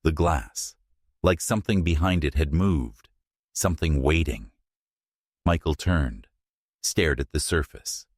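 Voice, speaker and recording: A man narrating a scripted horror story in a hushed, suspenseful manner, in short, measured phrases. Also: extremely low pitch, lively intonation, slightly rough, dry recording, studio quality.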